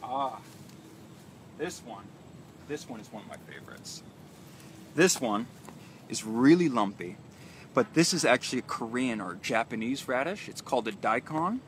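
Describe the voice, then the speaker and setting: An urban farm manager in his thirties leads a live tour of an outdoor vegetable garden, walking, pointing at plants and explaining the crops with easy enthusiasm. His mid-range voice has lively intonation at a normal speed, broken by long pauses. A phone held a few feet away records him over a steady hiss of insects and distant traffic.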